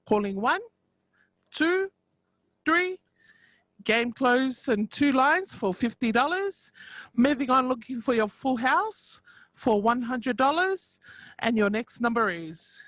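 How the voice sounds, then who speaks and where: A woman's voice: fairly high pitch, lively intonation, measured pace, fairly bright tone, no echo. A woman hosting a live bingo game, making set announcements and checking players' claims.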